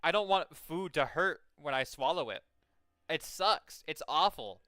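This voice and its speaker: A man's voice: on the high side, animated, measured pace, bright, forceful tone, no room sound. A young man streaming a game, chatting casually and reading game text aloud, rambling with many fillers and restarts and swearing freely.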